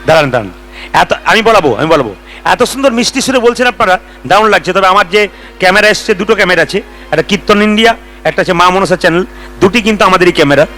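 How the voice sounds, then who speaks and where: A man leading a devotional gathering, talking to the crowd and rousing them to chant louder. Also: high-pitched, lively intonation, quick pace. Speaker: kirtan singer leading a gathering. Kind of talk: devotional talk and call-and-response chanting.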